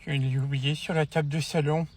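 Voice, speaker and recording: A man acting out several characters in comedy sketches, often shouting when outraged. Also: on the high side, little pitch movement, brisk.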